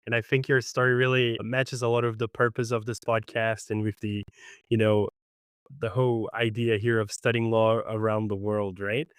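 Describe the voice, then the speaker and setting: A man's voice: on the low side, level tone, normal speed, clear, resonant tone, dry recording. Enthusiastic man hosting a podcast. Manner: enthusiastic, appreciative interviewer. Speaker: podcast host. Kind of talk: podcast interview.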